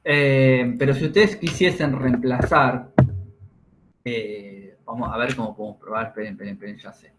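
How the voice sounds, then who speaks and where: A male teacher gives a lesson in a voice of medium pitch. He talks each step through plainly and checks in with his listeners as he goes. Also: fairly even intonation, normal speed, loud music behind the voice. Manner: explains step by step, checks understanding with tag questions. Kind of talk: classroom lesson.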